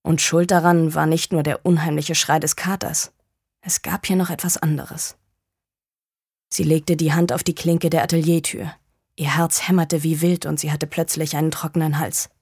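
Low-voiced woman narrating a dark tale. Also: little pitch movement, normal speed, husky, dry recording. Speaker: audiobook narrator. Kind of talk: scripted narration of a crime novel. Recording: dry close studio sound.

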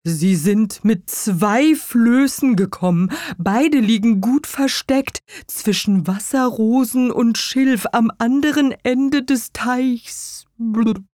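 A woman's voice: a little high, takes it slowly, darkish tone, no echo, clean studio sound. A woman doing a blubbing fat carp. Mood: gossipy. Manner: blubbing between phrases. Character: fat male carp who blubs between sentences. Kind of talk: children's audio story.

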